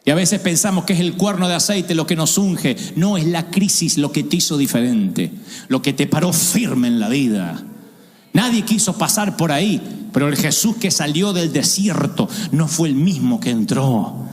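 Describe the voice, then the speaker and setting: A man with an Argentine accent preaching a sermon in a large auditorium, ironic and animated, acting out the voices of God and Job. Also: on the high side, moderate pace, big-room sound. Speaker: pastor.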